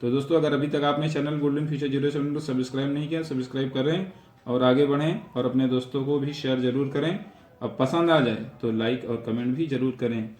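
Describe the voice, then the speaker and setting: A man's voice: medium pitch, fairly even intonation, fairly quick, darkish tone, roomy sound. A man teaching a vocabulary lesson, repeating each word and its meaning and explaining how to pronounce it.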